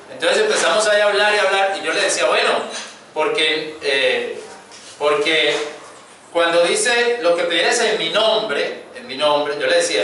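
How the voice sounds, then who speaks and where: A man's voice: sits high, pushed and bright, slight background noise. A man preaching a sermon in a conversational way, telling a story with many fillers and asking his listeners "right?", recorded in a church hall. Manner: chatty storytelling with frequent fillers and rhetorical "¿cierto?". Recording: echoey church hall from far off.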